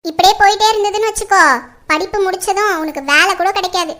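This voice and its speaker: A woman playing a shrill nagging mother. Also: quick pace. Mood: lecturing. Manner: nagging, sharp scolding. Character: scolding middle-aged mother of two grown daughters. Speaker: mother in a family skit. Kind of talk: homemade family comedy skit.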